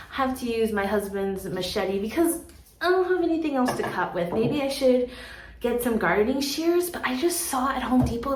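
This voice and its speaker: A woman chatting casually to camera as a houseplant vlogger, excitable and talking to her plant. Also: fairly high pitch. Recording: echoey room with faint background noise.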